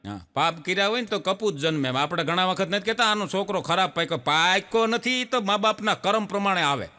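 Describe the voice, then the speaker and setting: Brief: male comic, lively, bright delivery on a reverberant stage. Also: high-pitched, fairly quick, soft background music. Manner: folksy storytelling, frequent "he says" asides. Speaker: stand-up comedian. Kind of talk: stand-up joke telling. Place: stage program.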